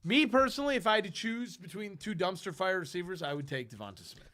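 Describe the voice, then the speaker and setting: A man's voice: high-pitched, very animated, fast talker, a bit bright. A man hosting a casual fantasy football chat, joking around and reading out listener questions. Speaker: podcast host.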